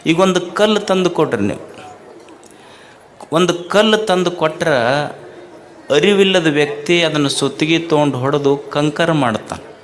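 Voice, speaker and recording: Man, festival-stage sermon, very slow, repeats for emphasis, light background noise. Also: on the high side. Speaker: swami giving a spiritual discourse. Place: stage at a religious festival gathering.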